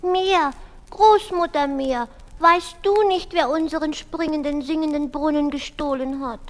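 A woman's voice: high voice, fairly even intonation, a little slow. A woman voicing an eager little puppet animal child who keeps making clucking knock sounds.

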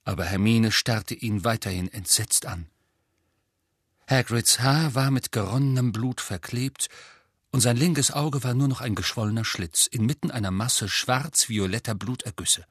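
A man reading a novel aloud as an audiobook narrator, with expressive, measured storytelling. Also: mid-range voice, breathy edge, dry recording, studio quality.

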